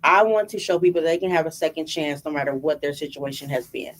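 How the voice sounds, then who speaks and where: A woman's voice: low-pitched, fast talker. A woman guest in a casual interview, talking earnestly and reassuringly about helping people. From Dallas-Fort Worth area. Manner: earnest, affirming.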